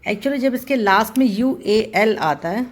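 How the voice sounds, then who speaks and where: A woman teaching pronunciation in a video lesson, speaking slowly and deliberately and repeating and spelling out each example word. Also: on the high side, lively intonation.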